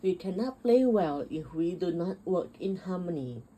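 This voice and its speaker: A woman's voice: lowish voice, lively intonation, normal speed, mellow, husky, poor audio. A woman voicing a male frog musician in a storybook, speaking plainly and earnestly. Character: male frog musician, grumpy then grateful.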